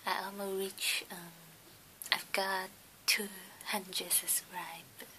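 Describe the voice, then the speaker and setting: A woman whose first languages are Cantonese and Mandarin Chinese hosts a soft-spoken ASMR chat from her computer at home, speaking in a breathy whisper at medium pitch with a level tone. Her phrasing is simple and hesitant with many pauses, and faint keyboard typing clicks and a slight hiss or hum sit in the background.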